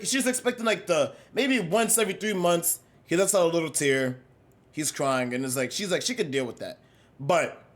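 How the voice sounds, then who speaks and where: A young man with a high-pitched voice riffs with his live chat in loose, slangy talk. He jumps between loud, excited bursts and low mumbles, and keeps circling back to his point. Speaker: livestreamer.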